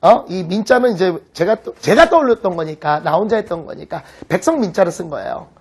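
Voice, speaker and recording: A man teaching English vocabulary in a lively, joking lecture to students, with a Korean accent. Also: high-pitched, fairly quick, husky. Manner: joking, lively, talks straight to the class.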